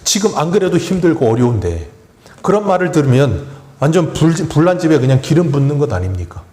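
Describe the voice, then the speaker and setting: A man's voice: fairly high pitch, big pitch swings, a little fast, warm tone. A male pastor preaching a sermon in a church, asking the congregation rhetorical questions and briefly acting out mocking voices. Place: church sanctuary. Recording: echoey church room.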